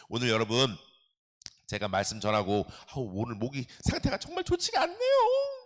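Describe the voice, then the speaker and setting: A middle-aged male pastor preaching a sermon, animated and joking, calling out to the congregation. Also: mid-range voice.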